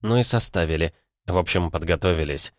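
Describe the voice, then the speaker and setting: A man's voice: sits low, fairly quick, no echo, studio quality. A man narrating a first-person audiobook in a colloquial, wry tone.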